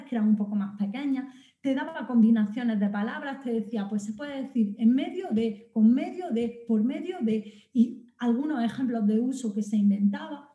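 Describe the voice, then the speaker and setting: Woman lecturing in a dull, echoey hall. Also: on the high side. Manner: animated, speaks to the audience directly, restarts and corrects herself. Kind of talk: public lecture.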